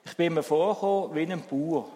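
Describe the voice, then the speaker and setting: A man's voice: a little high, brisk. Swiss man preaching in a reverberant hall. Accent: Swiss German. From Switzerland. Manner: lively, swings between emphatic and soft. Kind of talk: sermon with audience interaction. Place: church service hall.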